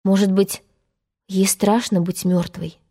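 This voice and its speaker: A woman's voice: mid-range voice, fairly even intonation, moderate pace, a little mellow, close to an everyday voice. A woman reading a storybook aloud and voicing the boy Peter Pan, brash and commanding. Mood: uneasy. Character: boy hero Peter Pan, cocky and bossy.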